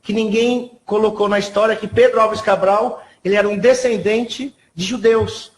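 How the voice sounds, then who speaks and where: Soft-spoken historian man, fairly high voice. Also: fairly even intonation, moderate pace. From São Paulo, Brazil. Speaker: guest historian. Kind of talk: TV interview guest. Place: TV studio.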